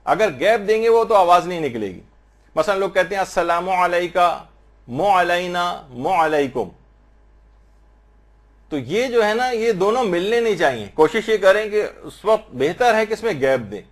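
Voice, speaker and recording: Man slowly teaching prayer pronunciation. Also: high voice, expressive. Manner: patient, explanatory, slowly demonstrates Arabic pronunciation. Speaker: religious teacher. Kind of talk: religious instruction on prayer recitation.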